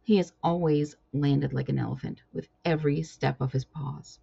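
A woman voicing a regal, aloof queen cat in a storybook reading, calm and dry. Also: low voice, moderate pace, gravelly, husky, muffled recording, heavily acted.

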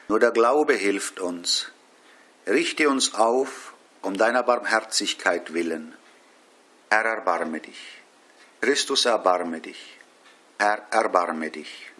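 A man leading a Stations of the Cross devotion, reading prayers and scripture in a slow, solemn way. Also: fairly low pitch, fairly bright tone, slightly rough. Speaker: prayer leader.

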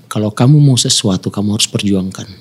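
A man from Samarinda in his thirties, a footballer guest telling his story earnestly in a casual interview, often dropping to a soft voice. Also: fast talker, slightly rough. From Samarinda, East Kalimantan, Indonesia. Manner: earnest, often drops to a soft low voice when moved.

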